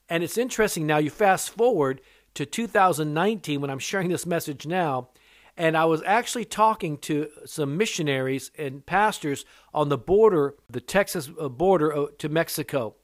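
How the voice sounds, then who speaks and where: An older man, born in Japan and raised in America, preaches an earnest sermon as an evangelist, blending teaching with personal testimony. His voice climbs sharply in pitch whenever he stresses a point. The recording is studio quality with no room sound.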